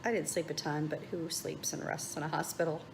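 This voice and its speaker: Low, creaky-voiced woman, weary after surgery. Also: fairly even intonation, fairly quick. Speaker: patient vlogging her surgery recovery. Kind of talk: casual vlog update. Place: hospital room and corridor. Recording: noisy room sound.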